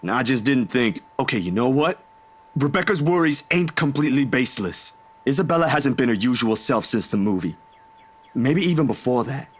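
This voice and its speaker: A man voicing a drowsy young man woken too early, talking in a plain, rough everyday way. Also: mid-range voice, expressive, a little fast. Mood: earnest. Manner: drowsy, grumbling, then earnest. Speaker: character dialogue in a visual novel voice dub.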